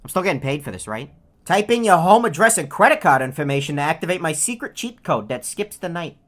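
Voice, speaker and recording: A male actor with a slightly high voice and fairly quick delivery plays a snarky, self-aware video game character. With bored sarcasm, he taunts the player in condescending, deadpan lines.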